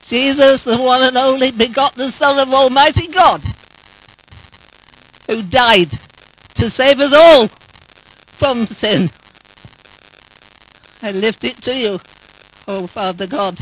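A woman's voice: sits high, slow, pauses often, a bit bright, low-quality recording. An older woman praying aloud with fervent, zealous intensity, repeating words for emphasis into a handheld microphone. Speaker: prayer intercessor. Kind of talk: spoken public prayer.

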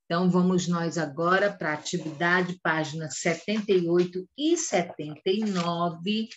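A woman's voice: fairly low pitch, fairly even intonation, measured pace, muffled recording, a little hiss or hum. A Brazilian woman teaching an online lesson to young children, patiently repeating instructions and checking they understood. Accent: Brazilian Portuguese. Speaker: first-grade teacher.

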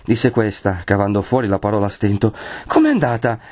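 A man from Italy reading a classic novel aloud as an expressive audiobook narrator. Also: lowish voice, fairly quick. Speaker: audiobook reader.

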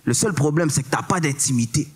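A young man in his twenties performs stand-up on a club stage in Québécois-accented French, loaded with slang and English words, regularly asking if you follow. His voice is on the high side, animated, slightly rough, and a little fast.

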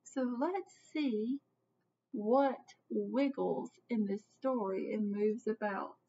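In a small home office, a woman in her thirties reads a children's picture book with dramatic flair, putting questions to young listeners like a teacher. Her voice is on the high side, slow, dark, and edged with breath. The webcam sits at desk distance, leaving the audio dull and distant.

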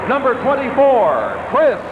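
An echoing, distant stadium announcer, a man with a high, swooping delivery. He gives formal lineup introductions over a public address system and stretches them out dramatically. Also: wildly swooping pitch, a little slow. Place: large indoor basketball arena. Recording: echoey distant arena PA, muffled, loud noise. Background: loud crowd noise.

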